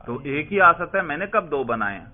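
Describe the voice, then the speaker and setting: A man's voice: on the high side, very animated. A man teaching Arabic grammar in a classroom lesson, quizzing his students and calling them brother. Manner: quizzing, prompting students for answers; addresses listeners as brother. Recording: tinny phone-like lo-fi recording.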